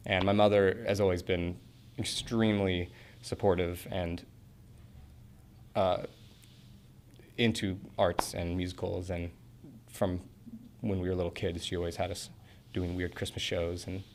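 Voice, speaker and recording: Speaking about acting school in a casual interview, a twenty-something man from Portland, Oregon rambles earnestly with fillers and restarts. His deep voice is flat and measured, with many pauses and a slight background hiss or hum.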